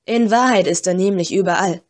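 Woman voicing a sly talking skull, male, taunting, teasing, audiobook figure, mid-pitched. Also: a little fast, darkish tone, natural voice. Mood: menacing. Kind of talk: audiobook character voice.

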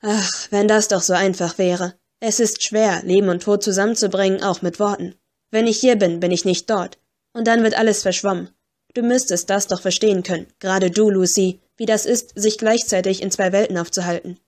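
Lady doing a smug ghost skull in a storybook, sly and a bit whispery, mid-pitched. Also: fairly even intonation, moderate pace, a little mellow, lightly acted. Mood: musing. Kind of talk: audiobook reading.

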